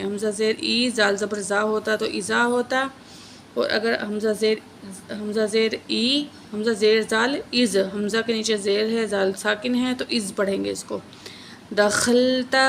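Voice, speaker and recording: A woman teaching a word-by-word tajweed lesson, drawing out each recited word slowly, then spelling letters and vowel marks in quick explanations. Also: mid-range voice, steady tone, vocal fry, slight background noise.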